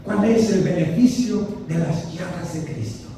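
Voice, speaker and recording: A male priest delivers a slow, emphatic sermon to a prayer group in a high-pitched, mellow voice, questioning the congregation and repeatedly saying "hermanos." The distant mic picks up an echoey hall with faint hiss and background noise.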